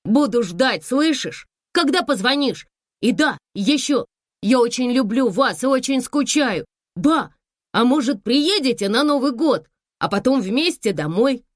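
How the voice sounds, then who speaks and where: A woman's voice: mid-range voice, expressive, slow pace, no room sound, studio quality, voice pushed up. Woman doing an eager teenage grandson. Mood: eager, coaxing. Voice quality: cracking young voice.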